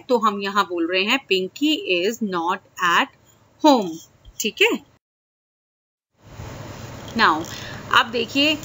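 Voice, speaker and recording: Bright-voiced woman teaching English phrases. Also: fairly high pitch. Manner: explains Hindi phrases in English, checks with frequent "ठीक है?"; slow, drawn-out example sentences. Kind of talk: classroom-style lesson to children.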